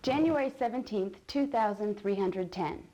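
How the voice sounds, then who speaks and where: A woman voicing a composed female news reporter, reading scripted news narration in an even, formal delivery. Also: medium pitch, normal speed, close to an everyday voice, poor audio. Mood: neutral.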